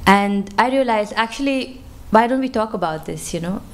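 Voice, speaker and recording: A woman's voice: medium pitch, lively intonation, moderate pace. Conversational woman giving a temple lecture. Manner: warm and conversational, with fillers. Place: temple hall.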